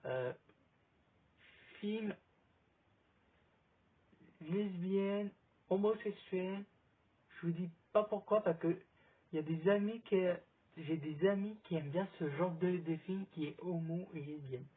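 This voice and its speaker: A man's voice: sits high, slow, long pauses, slightly rough. A man vlogging in a casual, rambling chat, filming himself on a phone outdoors. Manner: rambling, chatty recommendations. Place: outdoors in sunlight. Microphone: phone camera. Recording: thin phone-like sound.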